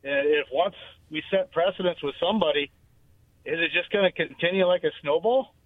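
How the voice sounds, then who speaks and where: A man's voice: a little high, brisk, no room sound. A man phoning in to a radio talk show, speaking in a casual, hesitant, wry way with fillers as his voice comes through a phone line. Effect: phoned-in voice on a call-in radio show. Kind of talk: casual call-in chat.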